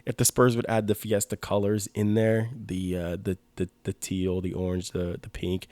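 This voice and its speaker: On a dry recording, a young man with a fairly low, slightly mellow voice speaks at normal speed with flat delivery. Co-hosting a podcast, he chats eagerly about sports uniforms, peppering his talk with "like" and frequent restarts.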